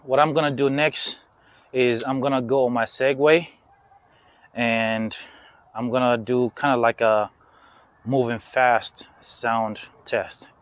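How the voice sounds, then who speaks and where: A man's voice: mid-range voice, steady tone, slow, a bit bright, dry recording. A man casually reviewing a gadget outdoors in his backyard, chatty and rambling with lots of fillers, his voice carrying noise reduction artifacts from a wireless clip-on mic. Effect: noise reduction artifacts from the mic's noise cancellation. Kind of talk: casual product review vlog. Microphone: small wireless clip-on mic.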